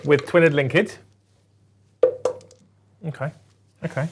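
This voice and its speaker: A man's voice: fairly high pitch, steady tone, slow, noisy background. A man hosting a tabletop wargame, chatting and teasing his opponent in casual banter. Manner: jokey and teasing, bursts into loud mock shouts. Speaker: tabletop wargame player and channel host. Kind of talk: casual banter during a game.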